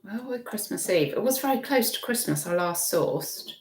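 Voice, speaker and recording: A British woman with a medium-pitched, expressive voice chats at normal speed on a casual live stream from her home kitchen, which sounds echoey. She rambles, reads viewer comments, interrupts herself and laughs warmly.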